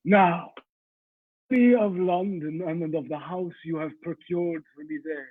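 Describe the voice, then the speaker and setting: An actor playing a courtly, menacing ancient vampire count in a radio play, speaking formally and ominously. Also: male voice, on the high side, a little slow, no echo, phone-quality sound.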